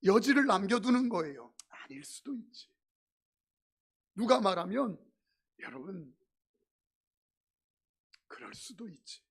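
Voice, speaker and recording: A man's voice: sits high, big pitch swings, takes it slowly, vocal fry, long pauses, slightly rough. A middle-aged male pastor preaching a sermon in a church, mixing humorous stories with emphatic points. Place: church sanctuary.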